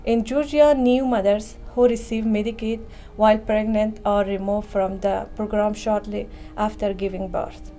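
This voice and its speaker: A woman's voice: mid-range voice, steady tone, moderate pace, mellow, faint music behind. A woman from Afghanistan, a childbirth educator, reading her personal testimony in an earnest, careful way. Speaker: childbirth educator and community liaison.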